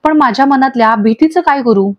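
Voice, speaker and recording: A gentle, level-headed young wife who corrects her friend softly and calmly, voiced by a woman narrator. Her voice sits somewhat high, and the lo-fi recording dulls it. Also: fairly quick. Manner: calm, gently scolding. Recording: dull lo-fi audio.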